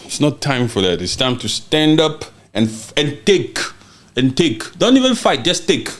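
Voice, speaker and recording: A man's voice: a little high, sing-song, unhurried. A man from Congo hosting a political podcast, talking in a fiery, emphatic way, swearing and often asking if the listener understands. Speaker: podcast host. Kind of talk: impassioned political talk.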